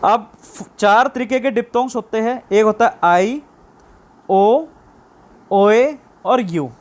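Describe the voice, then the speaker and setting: A man teaching shorthand online, explaining slowly and repeating key terms as questions. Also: high-pitched. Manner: drawn-out stress on English terms. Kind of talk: online lesson.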